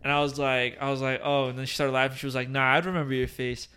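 A young man hosting a podcast, telling a long story in animated bursts, swearing and restarting his sentences, full of fillers. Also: medium pitch, quick pace, clean tone. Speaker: podcast host. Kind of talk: casual chat.

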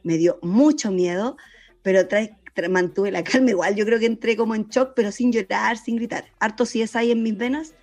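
A Chilean woman telling a story in casual chat, animated and slangy, laughing often. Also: medium pitch, moderate pace.

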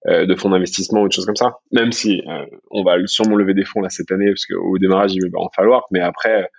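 A man from France, an entrepreneur guest talking casually in an interview, relaxed and full of fillers and "you know" asides. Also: low voice, quick pace, gravelly, slightly rough, highs cut off.

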